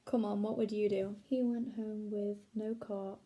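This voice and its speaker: A young woman reading silly stories aloud in a mock-boastful, deadpan comic style, with playful voices for the characters. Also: mid-range voice, a little slow, rough recording. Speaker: comedic self-styled author reading her own stories.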